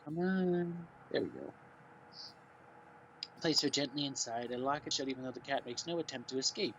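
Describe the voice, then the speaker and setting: Reading a visual novel aloud on stream, a man bounces through the text in a sing-song, medium-pitched voice at a moderate pace, tossing in banter and cooing at the cats in baby-talk. His tone is fairly bright, and the audio is dull and lo-fi with faint music and a little background noise.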